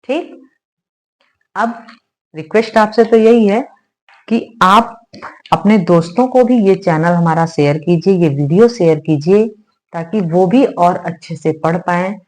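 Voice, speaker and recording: A woman teacher walks her viewers through Sanskrit pronunciation, saying each sound slowly and asking them to repeat it. She keeps checking in with her students, calling them "beta" the way a teacher does. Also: lowish voice, darkish tone. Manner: addresses viewers as "beta", asks "hai na?". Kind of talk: spoken online lesson.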